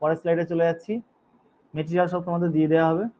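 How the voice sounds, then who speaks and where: A man's voice: fairly high pitch, completely flat delivery, very fast, a little mellow. A male teacher giving a grammar lesson. He spells words out letter by letter, reads each rule in English, explains it, and keeps checking in with his students. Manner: reads rules in English, then explains them in Bengali. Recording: dull lo-fi recording.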